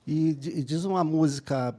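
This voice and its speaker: A man's voice: fairly high pitch, moderate pace, warm tone. A man hosting a podcast, asking short questions and joking with his guest in a casual interview. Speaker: podcast host.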